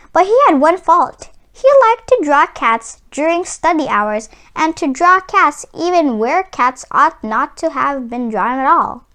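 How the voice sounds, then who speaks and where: A woman with a very high voice reads a children's storybook aloud, her pitch swinging widely and vividly between phrases. She sounds expressive and deliberate, plainly a storyteller working from a script.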